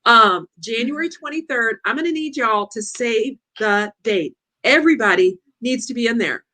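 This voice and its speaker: A woman hosting a lively coaching livestream, chatty and excitable, talking straight to her audience. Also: on the high side, normal speed.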